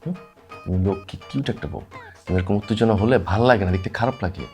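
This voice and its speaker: An actor playing a young husband who stammers and coaxes his upset wife, talking very fast. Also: fairly low pitch, a little mellow, soft background music, lightly acted. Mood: coaxing. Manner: stammering, coaxing. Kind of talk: TV drama acting.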